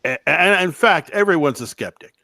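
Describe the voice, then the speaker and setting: A man chatting casually on a podcast, halting and repeating himself as he argues his points. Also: fairly high pitch, expressive, creaky, pushed and bright, no echo, studio quality. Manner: halting, repetitive, argumentative. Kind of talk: casual chat.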